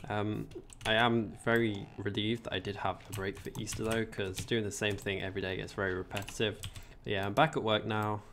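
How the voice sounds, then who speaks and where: This English streamer's voice is on the low side, a bit bright and touched with vocal fry, with a little hiss or hum in the recording. He's young and chatty during his gaming livestream, wandering through an account of his week and reading out viewers' chat to respond.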